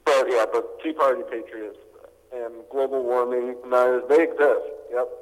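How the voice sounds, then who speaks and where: A man's voice: mid-range voice, fairly even intonation, moderate pace, long reverb tail, rough recording. A young man talking casually over a phone speaker, rambling with lots of fillers and restarts. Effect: heard over a phone speaker. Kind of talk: casual chat.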